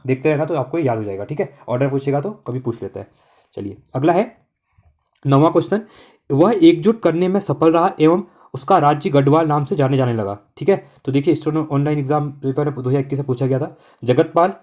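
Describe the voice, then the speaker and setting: A fast-talking man running an exam-prep lesson, his voice sitting a little high for a man. He works through the answers briskly and keeps checking in with the students. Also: a little mellow. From Uttarakhand. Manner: brisk, repeats "okay" constantly, coaching tone.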